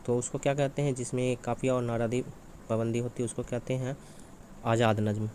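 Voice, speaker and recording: A man's voice: medium pitch, little pitch movement, fairly quick, darkish tone, a little hiss or hum. A man teaching exam preparation, walking through questions and answers in a repetitive question-and-answer manner. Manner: repetitive, asks and answers his own questions.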